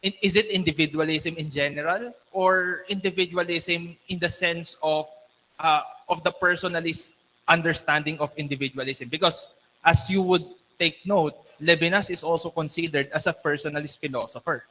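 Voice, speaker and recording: A man on a thesis panel, questioning critically in a deliberate, instructive academic manner. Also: fairly high pitch, fairly even intonation, bright, forceful tone. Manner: deliberate, instructive, frequently checking with "okay". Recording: echoey hall with long reverb.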